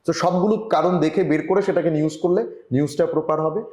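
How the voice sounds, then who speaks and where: A man from Tripura, India, giving earnest advice as a journalist guest in an online interview, often pausing and restarting. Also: on the high side, fairly even intonation, a little mellow, echoey room. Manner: earnest, advising, with frequent hesitations. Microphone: video call.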